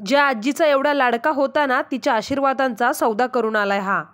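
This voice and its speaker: A woman's voice: sits high, normal speed, a bit bright. A woman reading out a furious, scolding father. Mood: angry. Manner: harsh, accusing. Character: furious middle-aged father scolding his son-in-law.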